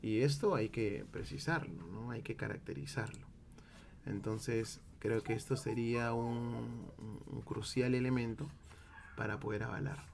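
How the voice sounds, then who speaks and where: A man's voice: mid-range voice, unhurried, creaky, background noise. A Peruvian man teaching a linguistics lesson, explaining step by step and checking in with his listeners. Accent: Peruvian Spanish. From Peru. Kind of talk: classroom-style linguistics lecture.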